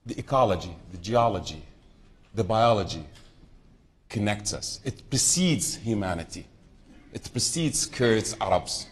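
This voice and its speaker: Speaking on a conference panel, a middle-aged man from southern Iraq talks unscripted in a fairly low voice with lively intonation, at a slightly slow pace. He drifts off topic and often restarts his sentences.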